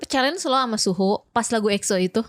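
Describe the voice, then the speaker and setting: A woman's voice: a little high, fairly quick. A woman co-hosting a casual chat podcast, playful and teasing. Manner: playful, teasing, often laughing. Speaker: podcast co-host.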